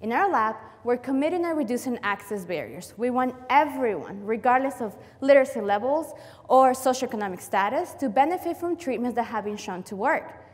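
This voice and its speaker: A young woman giving a rehearsed, steady competition talk in a lecture hall. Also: fairly high pitch, normal speed. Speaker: competition speaker. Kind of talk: prepared talk. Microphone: lapel.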